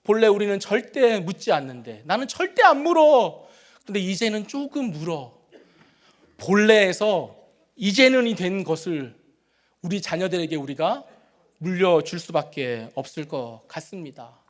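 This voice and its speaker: A middle-aged male pastor giving a sermon in a church, telling stories about his own family in a conversational, self-deprecating way, rising to loud emphatic peaks and dropping to soft, confiding murmurs. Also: sits high, lively intonation, moderate pace. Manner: swings between loud emphatic build-ups and soft, quiet confiding. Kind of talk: sermon with personal storytelling. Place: church sanctuary.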